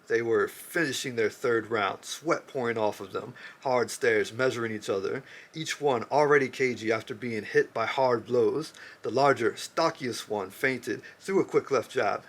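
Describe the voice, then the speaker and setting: A man reading a story passage aloud in a measured, deliberate way. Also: mid-range voice, fairly bright tone.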